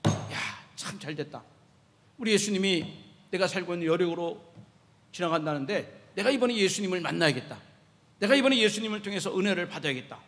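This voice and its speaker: A man's voice: high-pitched, expressive, a little fast, a bit bright. A preacher voicing a desperate blind male beggar who cries out for mercy. He sounds pleading and urgent. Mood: hopeful. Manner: pleading, crying out. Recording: echoey church hall reverb.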